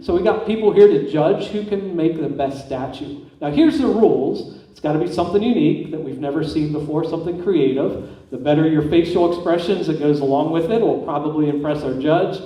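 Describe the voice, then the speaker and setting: On an echoing school stage, a man hosts a live comedy hypnosis show, repeating simple instructions and questions to his volunteers. His high-ish, mellow voice is animated and a little fast with few pauses, picked up from a distance in the echoey hall.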